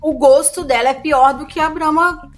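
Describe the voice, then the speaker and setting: A woman's voice: sits high, fairly even intonation, normal speed, soft background music. A woman co-host with a Brazilian Portuguese accent, chatting casually and making emphatic points. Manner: emphatic, checks in with listeners. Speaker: podcast co-host. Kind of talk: casual chat.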